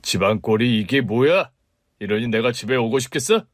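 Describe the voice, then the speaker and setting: A man's voice: medium pitch, animated, normal speed, no echo, lightly acted. A cold, irritable middle-aged father snaps and scolds with open contempt, as a man acts him out. The voice is dry and close. It is a radio-drama story. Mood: scolding.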